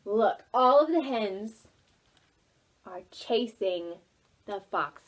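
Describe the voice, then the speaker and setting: At a very slow pace and medium pitch, a woman runs preschool storytime, reading aloud in a lively, playful way while addressing the young kids directly.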